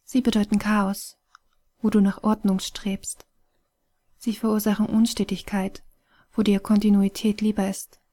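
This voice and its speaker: A woman voicing a weary, wise phoenix spirit that is fading away, speaking calmly and softly in an audiobook reading. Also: mid-range voice, a little slow, natural voice. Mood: gentle, sorrowful.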